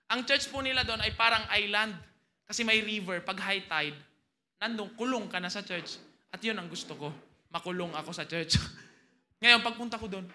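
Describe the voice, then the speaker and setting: A man with a Filipino accent preaching a sermon as pastor, swinging from loud exclamations to hushed asides. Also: high-pitched.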